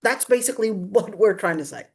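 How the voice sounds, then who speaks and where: A woman with a mid-range, darkish voice speaks briskly while teaching a Quran exegesis class. As a religious teacher, she is didactic and emphatic, repeating key phrases to drive them home.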